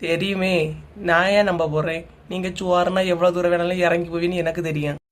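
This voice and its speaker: Cartoon: woman playing a low-voiced, dry, mocking woman with a Kanyakumari Tamil accent. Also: level tone, brisk, natural voice.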